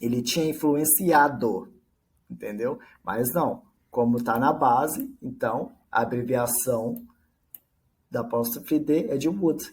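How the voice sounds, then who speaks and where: A man with a Brazilian Portuguese accent teaching English. He explains in Portuguese, repeats each English phrase slowly for practice, and keeps checking in with short tag questions. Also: mid-range voice, a little mellow, a little hiss or hum. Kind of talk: language lesson.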